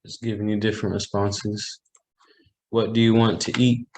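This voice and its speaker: A man teaching a language class over a video call, slowly repeating phrases for learners. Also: fairly low pitch, flat delivery, darkish tone.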